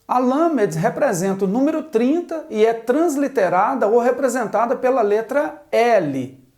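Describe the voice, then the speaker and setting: This Hebrew teacher's voice is on the high side, expressive, warm, and a little slow. At the board she patiently spells out sounds one at a time, asking the viewer to repeat each after her.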